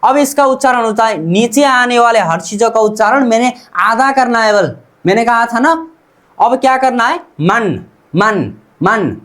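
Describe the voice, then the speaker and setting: A teacher leading a beginner language lesson in a slow, deliberate way, repeating each syllable and asking "what?" before answering. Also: mid-range voice, a bit bright. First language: Hindi. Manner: repeats each syllable several times for practice.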